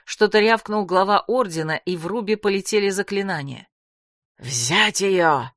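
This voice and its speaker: A woman narrating a first-person fantasy audiobook with dramatic, expressive storytelling. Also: mid-range voice, fairly quick, no room sound, studio quality.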